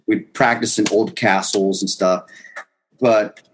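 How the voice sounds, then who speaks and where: A man's voice: lowish voice, steady tone, slow, slight background noise, poor audio. A man in his fifties, a guest musician, telling stories casually in a podcast interview, rambling with restarts and chuckles.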